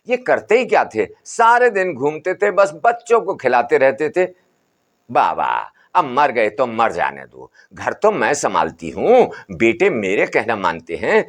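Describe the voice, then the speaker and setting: A man's voice: a little high, pitched above the performer's own voice. A man voicing a blunt, scolding middle-aged merchant's widow. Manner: scolding, complaining.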